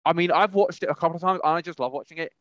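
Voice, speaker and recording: Rapid-fire and a bit bright, a man's fairly high voice carries a casual, opinionated podcast chat about films. He rambles, stresses his points, and often repeats phrases, all in lo-fi sound without echo.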